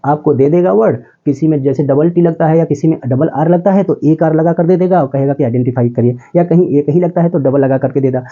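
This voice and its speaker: A man's voice: fairly high pitch, fast talker, hardly any pauses, phone-quality sound. A man teaching English grammar step by step, often asking his students if they follow and calling them "beta". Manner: explains step by step, often checks with "ठीक है?". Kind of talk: classroom lesson.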